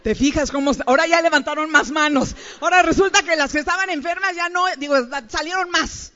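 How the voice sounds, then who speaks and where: Animated woman preaching in a hall. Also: sits high, fast talker. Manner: animated, playful, asks the audience questions. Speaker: preacher at a women's gathering. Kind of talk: lively conversational sermon. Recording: dull sound with long hall reverb.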